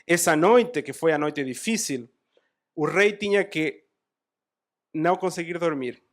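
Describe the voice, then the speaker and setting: Animated male preacher telling a Bible story. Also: fairly high pitch, unhurried. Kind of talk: sermon retelling a Bible story. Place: church.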